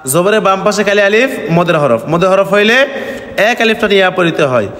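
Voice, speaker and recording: Male reading teacher with a high voice, unhurried, chanting syllables in a roomy hall. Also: expressive, a bit bright. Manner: spells letters, then chants the syllables slowly; asks questions and answers them himself. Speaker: Quran teacher. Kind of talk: recorded reading lesson.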